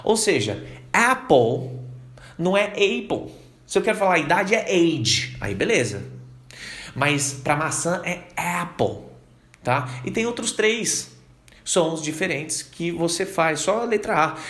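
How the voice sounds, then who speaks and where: A man's voice: a little high, expressive, fairly bright tone, roomy sound. A man with a Brazilian Portuguese accent teaching English pronunciation in a casual, chatty way, often checking in with the listener. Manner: chatty, keeps asking "tá?", drills words slowly. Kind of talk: casual online English lesson.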